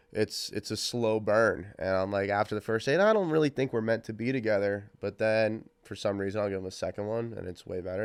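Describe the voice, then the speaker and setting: A man's voice: on the low side, clean tone. A man in his twenties co-hosting a podcast, sounding congested from a cold, easygoing and earnest in casual chat. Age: 20s. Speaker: podcast co-host.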